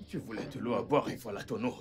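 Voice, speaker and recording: A man's voice: lowish voice, fast talker, a little hiss or hum, natural voice. A man dubbing a film in French as an impatient, irritable man who grudgingly looks after his sick partner and scolds her. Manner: exasperated, scolding. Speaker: dub actor.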